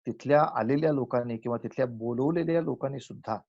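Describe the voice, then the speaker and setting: A man giving a spiritual lecture, telling folk tales and slowly chanting verses between his explanations. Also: mid-range voice, vocal fry, a little mellow, muffled recording. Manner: acts out village characters in a folk tale, chants verses slowly.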